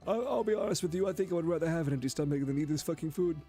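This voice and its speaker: A grumpy, whiny young guy, voiced by a man who complains and stumbles over his words. His voice sits high above a normal man's range. Faint music plays behind him. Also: racing, dark tone, lightly acted. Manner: whiny, stammering restarts, swears.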